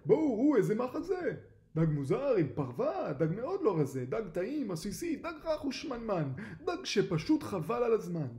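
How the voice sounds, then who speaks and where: A storyteller voicing a group of hungry grown fishermen who gloat loudly. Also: mid-range voice, very animated, voice pushed up, lightly acted. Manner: loud, gloating. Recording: roomy echo.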